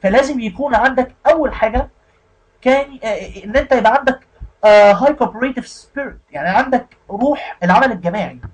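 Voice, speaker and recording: Male instructor, Egyptian Arabic accent, breathy and very fast, casual lesson style with frequent check-ins. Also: extremely high pitch, animated, low-quality recording. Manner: keeps checking in with the listener. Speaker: IT career instructor.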